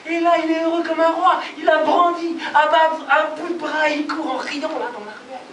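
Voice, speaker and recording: A man storyteller telling a folk tale live, expressive and rhythmic, speaking directly to the audience. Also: extremely high pitch, moderate pace, a crowd in the background. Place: live performance venue. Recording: distant roomy live recording, noisy.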